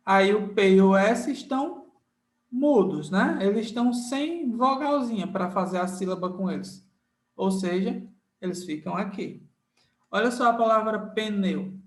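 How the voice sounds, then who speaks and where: This male teacher has a high voice, speaks slowly, and sounds echoey as he gives an online grammar lesson while sharing his screen. Friendly and casual, he leans on diminutives, restates the key rules, and often asks "tá?" or "certo?" to check on the class.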